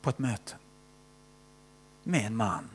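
An older man preaching a sermon and telling his own testimony, moving between loud stressed phrases and hushed whispers and often tagging questions onto his sentences. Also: lowish voice, sing-song, husky.

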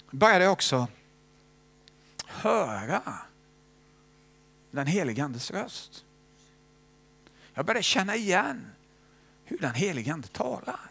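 A man's voice: a little high, gravelly, a bit bright. A man preaching a sermon as a missionary, talking to the congregation in a conversational way and checking in with frequent tag questions.

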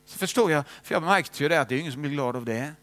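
A man's voice: fairly high pitch, animated, a bit bright. A man preaching a sermon as a missionary, talking to the congregation in a conversational way and checking in with frequent tag questions.

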